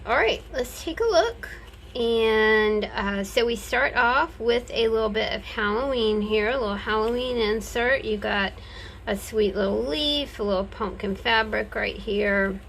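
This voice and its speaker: A woman chatting casually in a craft vlog, talking carefully and haltingly with a stitched mouth after oral surgery. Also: a little high, creaky. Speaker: crafter presenting handmade journals. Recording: steady background noise, home recording.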